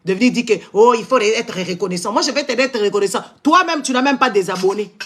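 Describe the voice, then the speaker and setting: A man's voice: high-pitched, expressive, fast talker, a bit bright, a little hiss or hum. A man from Congo with a Congolese French accent, ranting angrily in a live stream, scolding and switching into Lingala. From Democratic Republic of the Congo. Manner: angry and confrontational, repeated scolding exclamations; switches between French and Lingala mid-sentence. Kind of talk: heated live-stream rant.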